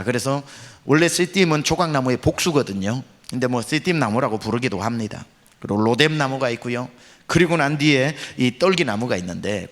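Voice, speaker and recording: A man's voice: medium pitch, fairly bright tone, in a large hall. A male senior pastor delivering a revival sermon, telling a story dramatically and acting out the voices he quotes. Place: church revival meeting.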